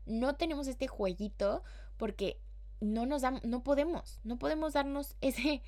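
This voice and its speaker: This woman's voice sits high and a little mellow, and she speaks a little slowly. Hosting her podcast with a Mexican Spanish accent, she keeps things casual, chatty and slangy, with playful acted-out quotes.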